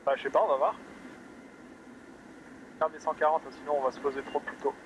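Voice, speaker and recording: A man's voice: fairly high pitch, little pitch movement, a little fast, lo-fi sound. A man talking over a pilot headset in a light aircraft, mixing casual cockpit chat with radio calls. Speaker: pilot on board handling radio calls and coaching. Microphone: aviation headset. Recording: cockpit headset audio with loud engine noise.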